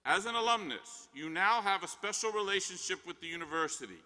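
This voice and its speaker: An older man, a dean, giving a measured formal closing address from a podium in a large arena. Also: sits high, animated, sharp tone. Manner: measured, reads from a script. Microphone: podium mic. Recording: long arena reverb.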